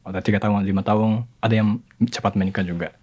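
A man in his twenties from Tokyo, a native Japanese speaker, chatting casually as a podcast guest in a foreigner's halting Indonesian with a Japanese accent. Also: lowish voice, fairly even intonation, dark tone, slightly rough. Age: 20s. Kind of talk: casual chat. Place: indoor wood-panelled podcast studio. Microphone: close desk-mounted broadcast microphone.

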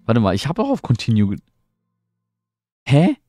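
Here a middle-aged man gives relaxed live gameplay commentary from home, his medium-pitched, dark-toned voice swooping wildly up and down at a normal speed. He rambles, responds to viewers in chat, and is often puzzled. Faint game music runs underneath.

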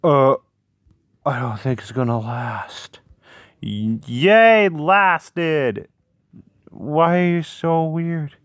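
A man commentating on his gameplay in a slightly high, clear voice. He is casual and excitable, repeats short phrases, and leaves lots of space between them, in a dry recording. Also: very slow, long pauses, no echo. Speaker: gaming video host.

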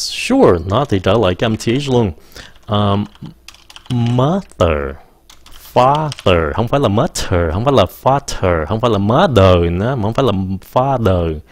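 A man giving a casual live-streamed English pronunciation lesson, stopping to say words slowly and mixing English phrases into his talk. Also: fairly low pitch, no room sound.

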